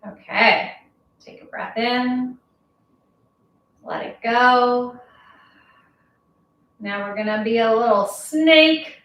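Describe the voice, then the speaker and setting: A woman instructor leading a yoga class, talking calmly and slowly with a gently playful touch. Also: fairly high pitch. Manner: calm, slow, gently playful. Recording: very echoey room, voice from far off.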